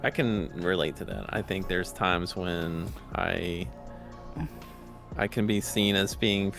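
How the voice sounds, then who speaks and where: A man as a guest in a casual interview chat, earnest and halting, restarting his sentences. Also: low-pitched, steady tone, creaky, music in the background.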